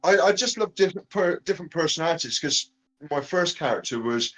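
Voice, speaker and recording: A man chatting casually as a podcast guest, halting often with ums and restarts. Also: fairly high pitch, lively intonation, fairly bright tone, soft background music, rough recording. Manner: hesitant, many ums and restarts. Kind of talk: casual chat.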